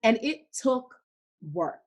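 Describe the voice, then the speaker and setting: A woman's voice: fairly high pitch, big pitch swings, slow pace. A young woman from Cameroon, a podcast guest in casual faith-based conversation, who speaks emphatically and repeats words for stress.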